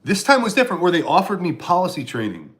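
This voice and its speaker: With a high, somewhat bright voice whose pitch swoops wildly, this Pennsylvania comedian talks fast. He rambles sarcastically while responding to chat on a casual stream, frequently starting over.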